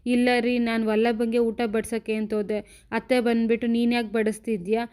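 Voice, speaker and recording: A woman's voice: a little high, flat delivery, moderate pace, darkish tone, clear, resonant tone, lightly acted. A woman voicing a sensitive young wife who pleads and sounds hurt, as she retells a TV serial. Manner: pleading, hurt, a bit raised.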